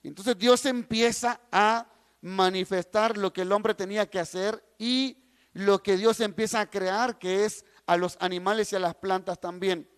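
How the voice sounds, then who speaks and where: A man's voice: sits high, steady tone, unhurried, clean tone, big-room sound. A man teaching a Bible class, reading scripture aloud and explaining it with repeated, emphatic phrases while addressing the listeners directly.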